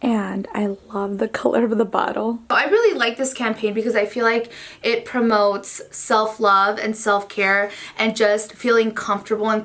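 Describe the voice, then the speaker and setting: With a fairly high, fairly bright voice, a young Spanish-speaking woman chats sincerely about herself in a relaxed beauty vlog. She leans heavily on "like" as a filler.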